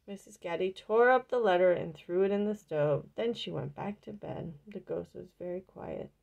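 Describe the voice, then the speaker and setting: Woman reading a storybook, gravelly voice. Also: lowish voice, normal speed, a little mellow, highs cut off. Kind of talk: reading a picture book aloud.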